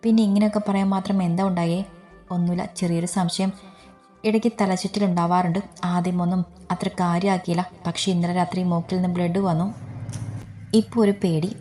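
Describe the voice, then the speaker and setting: A tender young man soothing the woman he loves while hiding his fear, voiced by a woman narrator. The reading stays low and mellow, with a flat, steady line. Faint music sits behind it. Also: a little fast, natural voice. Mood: anxious. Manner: soft, reassuring. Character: young man, gentle and worried lover.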